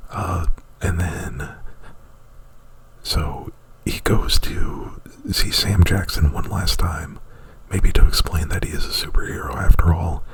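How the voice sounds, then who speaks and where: Up close to the microphone, an ASMR performer whispers breathily in a rambling, casual retelling, full of "like" and profanity. His voice is low-pitched and husky at a slow pace, and the audio is poor.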